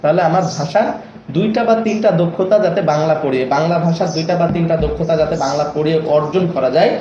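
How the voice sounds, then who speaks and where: A man's voice: fairly high pitch, quick pace. A man leading a training session for teachers, coaxing and often asking for agreement. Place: training room. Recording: echoey room, dull lo-fi, noisy.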